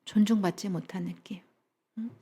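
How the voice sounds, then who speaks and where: A middle-aged woman counselor giving a lively seminar talk in a church. She has the audience repeat phrases after her and drops to a soft whisper for emphasis. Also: mid-range voice, normal speed, slightly rough. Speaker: family counselor, guest speaker.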